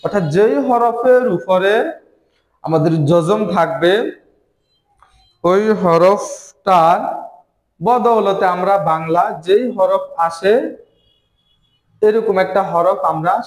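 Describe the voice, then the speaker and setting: A man with a fairly high voice gives a Quran reading lesson, sounding each syllable slowly and repeating it for his learners. His voice rings through an echoey room. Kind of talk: spelling out letters and syllables slowly in a recorded lesson.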